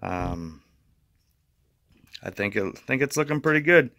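A man's voice: medium pitch, a little slow, no echo, studio quality. A man hosting his fishing channel, talking casually through a how-to with fillers and restarts, from a carpeted room indoors. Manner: relaxed, rambling, with fillers and restarts.

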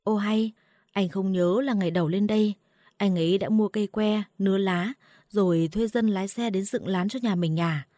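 A woman reading the part of a patient, worried wife who explains gently. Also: medium pitch, normal speed, no room sound, clean studio sound, natural voice. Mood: reasoning.

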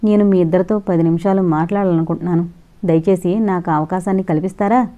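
A woman's voice: fairly low pitch, steady tone, quick pace, mellow, lightly acted. A woman voicing an anguished middle-aged father and college principal, pleading earnestly, in an audio novel on a dull lo-fi recording.

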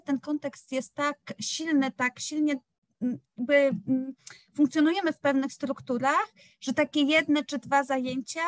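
A woman's voice: high voice, no room sound. A woman academic on a panel discussion, reflective and hesitant, with frequent fillers as she thinks aloud.

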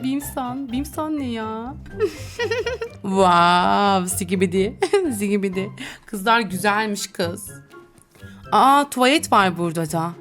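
A woman's voice: on the high side, fairly bright tone. A young woman giving playful, teasing game commentary, laughing often and swearing casually. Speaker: gaming YouTuber.

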